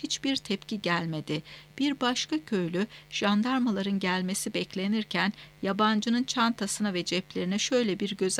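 A woman narrates a novel as an audiobook at mid pitch. She reads steadily and measuredly, phrasing each clause cleanly.

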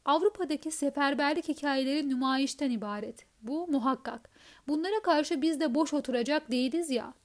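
Gruff teasing old general, read in a woman's high voice. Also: fairly quick, lightly acted. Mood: blustering. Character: elderly retired army general, gruff and teasing.

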